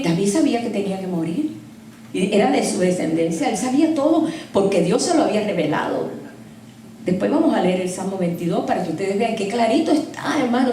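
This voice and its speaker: A woman's voice: sits high, a little mellow. Echoey, distant woman teaching scripture. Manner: storytelling, acts out dialogue, addresses listeners as brother. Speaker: Bible teacher. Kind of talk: sermon-style Bible teaching. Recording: distant, very echoey room with faint noise.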